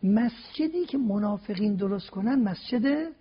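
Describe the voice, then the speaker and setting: High raspy guy preaching on tv, emphatic, lots of rhetorical questions, dull lo-fi sound. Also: animated. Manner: emphatic, builds points step by step with rhetorical questions. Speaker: religious guest speaker. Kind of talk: preaching talk on a TV program.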